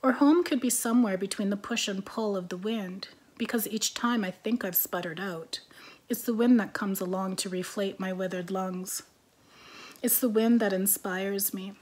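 Reading her own lyric essays aloud from her living room, a French-speaking woman in her forties introduces each piece in a calm, measured voice whose phrase endings trail off quietly. Her pitch is medium and slightly rough, captured on a laptop camera with webcam framing.

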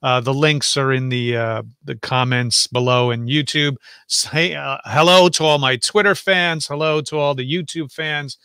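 A man's voice: medium pitch, fairly even intonation, normal speed, hardly any pauses, pushed and bright, clear, resonant tone, no room sound. A man hosting an online interview show, chatty and jokey, with lots of fillers. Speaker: podcast host. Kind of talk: casual interview chat.

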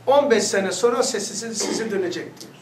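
High-pitched male religious teacher, preaching with rhetorical questions, far from the mic. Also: fairly quick, echoey room, noisy background. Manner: exhorting, rhetorical questions to listeners. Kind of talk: religious lesson.

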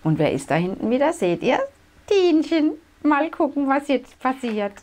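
A woman's voice: high voice, very animated, normal speed, a little hiss or hum. A woman reading a picture book aloud to children and chatting with them in friendly asides between the pages. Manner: warm, chatty asides to young listeners.

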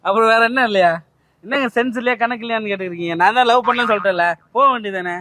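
A man's voice: high-pitched, rapid-fire, sharp tone. A young man doing a street prank, pushily pleading and calling after a woman outdoors. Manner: pushy, wheedling, keeps calling out to her.

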